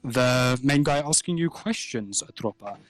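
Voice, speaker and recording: A man narrating as game master over voice chat, casual and halting, with many fillers as he describes the scene. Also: medium pitch, animated, no echo, low-quality recording. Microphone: voice chat mic.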